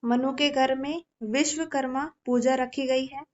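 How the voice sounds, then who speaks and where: High-voiced woman teaching slowly. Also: steady tone, darkish tone, dull audio. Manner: explains patiently, repeats words, checks in often. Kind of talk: exam-prep lesson with memory tricks.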